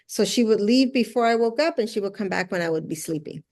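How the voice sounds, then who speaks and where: A woman's voice: medium pitch, animated, quick pace, a little mellow. Middle-aged woman from El Salvador, earnest storyteller. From El Salvador, moved to the US at six. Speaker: interview guest, luxury house flipper. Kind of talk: conversational interview storytelling.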